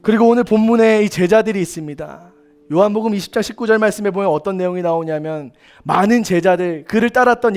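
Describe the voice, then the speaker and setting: Man, sermon, high voice, earnest, rhetorical questions, faint background music. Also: a little mellow. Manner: earnest, addresses listeners directly with rhetorical questions. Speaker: youth ministry preacher. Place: church service.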